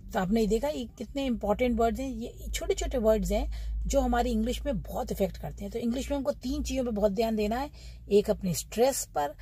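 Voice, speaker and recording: A middle-aged woman with an Indian accent teaching English pronunciation, stretching out model words slowly and repeating them for practice. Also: fairly high pitch, warm tone, slight background noise. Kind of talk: pronunciation lesson.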